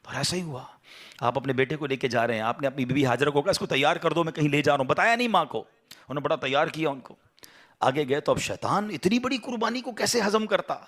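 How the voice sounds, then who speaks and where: A man's voice: on the high side, expressive, fairly bright tone. A male preacher telling a story in a sermon, emotional and full of rhetorical questions and exclamations.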